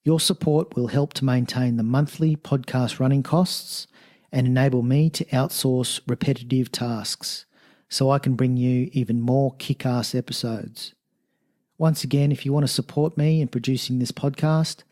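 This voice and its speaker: A man's voice: medium pitch, mellow. A man hosting a podcast, reading a support message and asking hesitant, rephrased questions. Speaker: podcast host. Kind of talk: podcast host read and interviewing.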